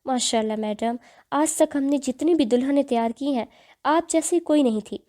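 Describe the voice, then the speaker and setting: A woman's voice: high voice, close to an everyday voice. A woman voicing a gushing salon beautician. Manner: flattering, courteous.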